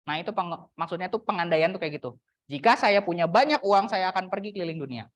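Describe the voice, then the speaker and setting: A young woman teaching an English class in a classroom, chatty and teasing, slowing down to model example sentences. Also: fairly low pitch, lively intonation. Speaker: university English lecturer. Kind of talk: classroom lecture.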